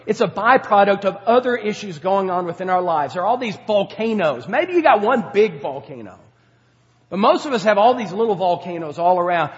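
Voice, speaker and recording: A man preaching a sermon in a conversational way, asking the congregation questions and swinging between quiet and loud. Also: sits high, big-room sound, highs cut off. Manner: conversational, rhetorical questions, dynamic swings in loudness. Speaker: pastor.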